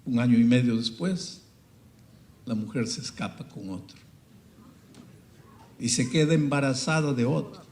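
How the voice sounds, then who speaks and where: A man preaching a sermon, telling a story with sudden swings from hushed, quiet passages to loud, soaring cries. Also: medium pitch, a little slow, pauses often, reverberant.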